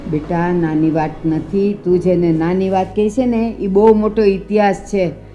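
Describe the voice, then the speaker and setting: A woman's voice: medium pitch, steady tone, measured pace, warm tone, soft background music, close to an everyday voice. An actress playing a stubborn older woman who scolds and defends her quarrel with a neighbour. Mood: stern. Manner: stern, scolding.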